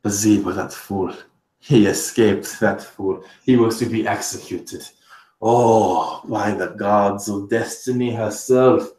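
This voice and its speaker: A man's voice: fairly low pitch, fairly even intonation, takes it slowly, darkish tone, reverberant, poor audio. A man voicing an anxious, scheming male court vizier who pleads and stammers. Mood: bitter.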